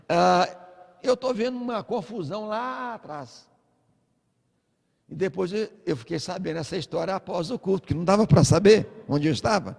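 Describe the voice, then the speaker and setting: Brazilian pastor guy preaching, kinda high voice, long echo in the church hall. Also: vocal fry. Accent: Brazilian Portuguese. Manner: lively storyteller, acts out voices. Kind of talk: sermon with storytelling.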